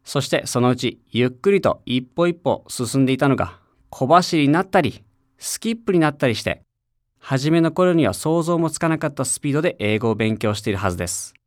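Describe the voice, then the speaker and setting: A man's voice: medium pitch, animated, brisk, no echo, clean studio sound. A man from Japan, an English teacher, narrating a scripted lesson for an audio CD and encouraging listeners to repeat after him.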